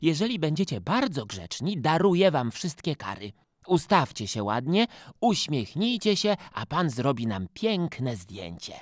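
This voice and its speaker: Guy doing a high squeaky stern teacher lady, slow and bossy, storybook. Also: sing-song, dry recording, studio quality. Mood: coaxing. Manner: high, measured, scolding. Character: strict, exasperated female schoolteacher. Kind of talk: storybook reading.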